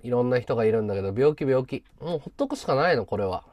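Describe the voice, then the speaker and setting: Brief: male streamer in his thirties, quick and animated, dry close sound. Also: medium pitch, no room sound. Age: 30s. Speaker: livestream host. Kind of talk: casual livestream chat.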